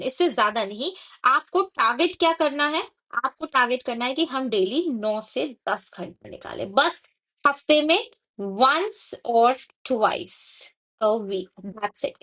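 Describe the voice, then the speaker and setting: Young female study coach, high voice, explains a study plan step by step and checks in with viewers often. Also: fairly bright tone. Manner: code-switching, repeats points, checks in with the viewer.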